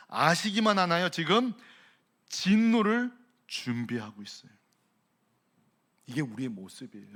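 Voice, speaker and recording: A man, a senior pastor, preaching a sermon. He swings from hushed lines to loud exclaiming and often asks the congregation questions. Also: mid-range voice.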